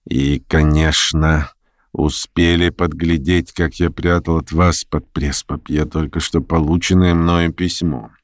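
A detached young aristocrat who answers in a low, slow, cold voice, voiced by a male reader. His words are clipped and unhurried. The audiobook sound is dry and close. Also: gravelly, no room sound, full character voice. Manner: slow, flat, cool and curt. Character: cold, aloof young nobleman, calm and reserved. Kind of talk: audiobook character voice.

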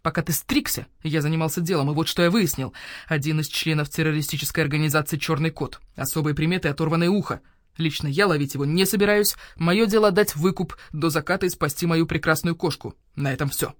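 A woman's voice: deep voice, fast talker, dry recording, natural voice. Woman voicing hard-nosed badger-cat cop, brusque, threatening, impatient, dry sound, children's storybook. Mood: menacing. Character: tough badger-cat police officer, gruff, impatient. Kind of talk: audiobook character voice.

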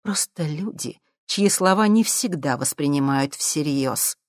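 Brief: cold, measured rich matriarch, as a woman reader plays her, low voice, dry close sound. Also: lively intonation, darkish tone, no room sound. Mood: cold menace. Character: cold, ruthless wealthy mother, calm and menacing.

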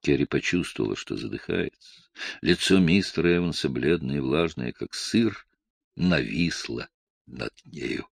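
A man narrating an audiobook in an expressive storytelling manner. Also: a bass voice, measured pace, gravelly, husky, no room sound, clean studio sound.

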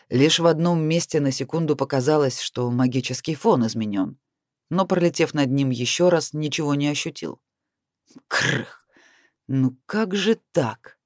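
A man narrating an audiobook in an even, steady reading voice. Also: mid-range voice, moderate pace, no room sound, clean studio sound. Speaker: audiobook reader.

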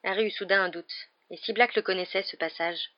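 A woman's voice: mid-range voice, fairly even intonation, brisk. Woman narrating an audiobook, muffled. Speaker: audiobook reader.

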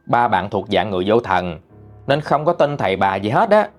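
A man narrating a ghost story in a conversational, expressive way. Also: lowish voice, moderate pace, soft background music.

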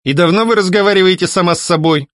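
A man's voice: high voice, fast, no room sound, clean studio sound, pitched above the performer's own voice, lightly acted. A man voicing a fat middle-aged baron who blusters angrily and scornfully. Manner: blustering, irritable.

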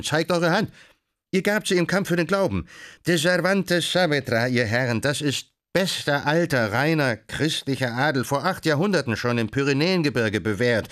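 A man's voice: fairly high pitch, a bit bright, pitched above the performer's own voice. A man reading an audiobook and voicing a cowering, fawning male Dominican judge who pleads in a bleating, panicky way. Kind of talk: audiobook character voice.

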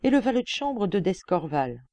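A woman voicing a dignified, stern male magistrate in a storybook reading, speaking formally and crisply. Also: medium pitch, big pitch swings, normal speed, dark tone, no echo. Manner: formal and clipped.

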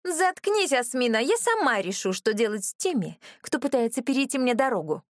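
A woman voicing a haughty, crazed young noblewoman villain who talks in a shrill, domineering, threatening way. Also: animated, moderate pace, no echo, clean studio sound. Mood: raging.

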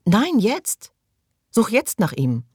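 A man's voice: fairly high pitch, expressive, normal speed, darkish tone, dry recording, clean studio sound. A man reading the part of a distraught, lonely young woman in an audiobook, his voice raised and pleading. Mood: anxious, forlorn.

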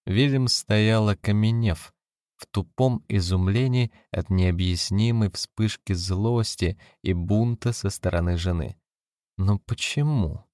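A man narrating a novel as an audiobook in a measured, steady way. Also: lowish voice, dry recording, clean studio sound.

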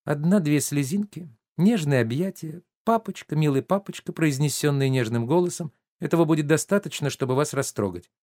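A man voicing a sharp-tongued, cheeky female maid in a play reading, teasing and contrary. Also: fairly high pitch, fairly quick, dry recording, clean studio sound, close to an everyday voice. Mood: pert. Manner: pert, teasing, stubbornly contrary.

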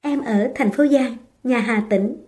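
A woman voicing a gentle young woman, tipsy and tender, speaking softly. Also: on the high side, measured pace, lightly acted.

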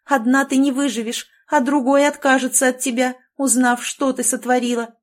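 Woman doing a shrill hysterical noble mother. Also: flat delivery, normal speed. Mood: commanding. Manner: shrieking, wailing, domineering.

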